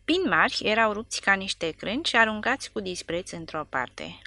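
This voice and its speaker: Woman narrator, low voice, bright, expressive, dry close mic. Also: dry recording. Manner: expressive reading. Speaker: audiobook narrator. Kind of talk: scripted war novel narration.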